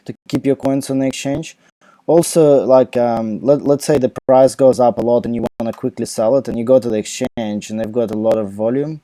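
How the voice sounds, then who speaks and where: A young man with a Ukrainian accent hosts a live crypto Q&A from home, answering questions into his laptop mic. His mid-range voice is very dark and mellow, and he rambles casually with many fillers and false starts. The sound is dry, close and rough.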